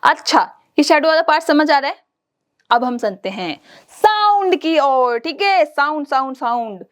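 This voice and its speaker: A woman teacher, giving a lively online lesson to children. She talks straight to the kids and imitates everyday sounds for them. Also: high voice, a little slow.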